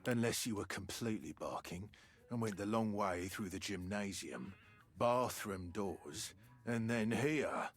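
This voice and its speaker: A man's voice: on the low side, measured pace, husky, faint music behind. An actor playing a formal, mechanical male butler with a forced, robotic laugh. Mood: stiff. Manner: formal, mechanical and overly polite.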